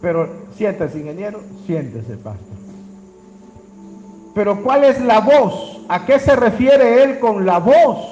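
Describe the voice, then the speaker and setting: A man's voice: very animated, takes it slowly, a little mellow, highs cut off, faint music behind. A man preaching a sermon, dramatically acting out dialogue and calling on the congregation to repeat after him. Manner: dramatic, acts out dialogue with sudden pitch swings; addresses congregation directly, calls them to repeat.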